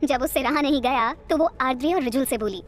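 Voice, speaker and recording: A woman narrating an audio love story in a steady storytelling voice. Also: sits high, a little fast, soft background music.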